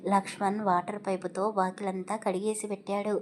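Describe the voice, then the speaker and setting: A woman narrates a romantic audio story in a steady, even manner. Her voice sits at an ordinary middle pitch, and her reading stays measured and calm.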